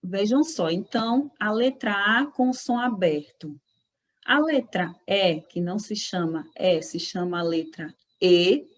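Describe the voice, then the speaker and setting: A Brazilian woman with Portuguese as her first language, giving a Spanish lesson and speaking slowly to her students, modelling each word so they can repeat it after her. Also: mid-range voice, animated, poor audio. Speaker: Spanish teacher. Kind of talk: slow, careful language lesson.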